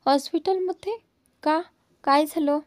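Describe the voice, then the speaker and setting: A woman voicing a caring young woman who speaks with gentle concern. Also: fairly high pitch, unhurried, dry recording.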